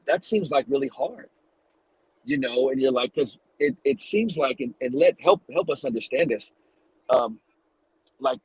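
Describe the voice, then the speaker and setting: A man with a husky, slightly raspy voice at a middle pitch. He hosts a casual podcast interview. He asks long, searching questions that wander before they land. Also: no echo, low-quality recording. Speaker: podcast host.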